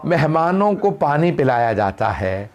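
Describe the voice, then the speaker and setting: A male preacher voicing a noble, forgiving holy leader in solemn, measured sermon recitation. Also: on the high side, very animated.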